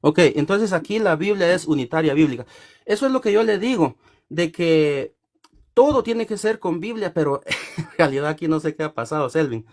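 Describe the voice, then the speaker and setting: A man in a theological debate, speaking haltingly with many fillers. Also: on the high side, animated, a little mellow. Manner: halting, full of fillers and restarts. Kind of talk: theological debate closing remarks.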